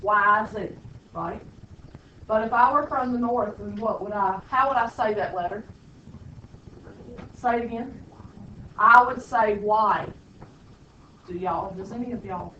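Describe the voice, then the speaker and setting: A woman's voice: medium pitch, fairly bright tone, a little hiss or hum. A woman math teacher, lecturing a classroom with playful, sarcastic teasing of her students. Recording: echoey classroom, distant lo-fi mic.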